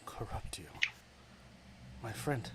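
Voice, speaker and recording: A menacing goddess of darkness and death, as a man puts her on, taunting in a low, slow voice that sinks into a whisper. Steady background noise sits clearly under the voice. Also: close to an everyday voice. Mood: whispering menace.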